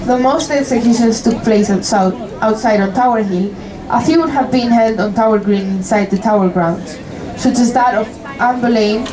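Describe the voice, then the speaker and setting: Over crowd noise and poor audio, a young woman from Spain guides a river cruise, her Spanish-accented voice a little high and her pace moderate. Her live commentary stays friendly, with light jokes.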